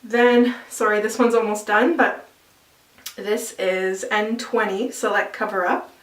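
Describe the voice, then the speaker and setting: A woman chats her way through a makeup tutorial, relaxed and explanatory, pausing with small fillers as she works. Her voice sits at a middle pitch. It is recorded in an echoey room from a little distance off the mic. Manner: chatty, explains while applying, with fillers. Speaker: makeup vlogger.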